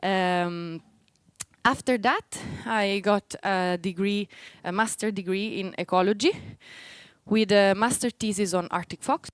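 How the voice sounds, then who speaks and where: A young postdoctoral researcher from Rome, Italy, speaks with an Italian accent in a mid-range, clean-toned voice, a little slowly and without echo. She's giving an informal academic seminar to a live and streamed audience, explaining things step by step.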